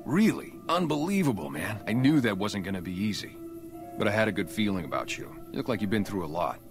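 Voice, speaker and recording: An actor playing a blunt, guarded ex-gang sniper who now works as a town guard, in a video game. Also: male voice, on the low side, very animated, fast. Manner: blunt, matter-of-fact. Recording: game audio with music behind.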